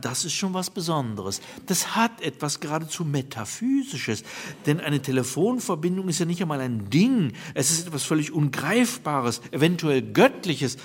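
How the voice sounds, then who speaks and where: A man's voice: a little high, very animated, normal speed. A man reading a first-person story aloud in a dry, wry manner. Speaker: narrator.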